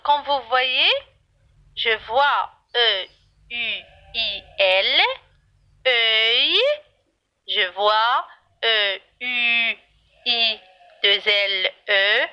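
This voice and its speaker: A woman's voice: on the high side, very slow, pauses often, bright, forceful tone, clear, resonant tone, lo-fi sound. A woman teaching a primary school reading lesson, spelling out letters one by one and praising the children often in a patient, encouraging way.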